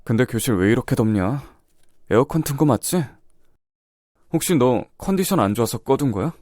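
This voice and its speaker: A man's voice: mid-range voice, animated, normal speed, a little mellow, no room sound, studio quality, close to an everyday voice. A man voicing an outgoing, friendly teenage transfer student in an audio drama, talking in a breezy, teasing way. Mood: casual.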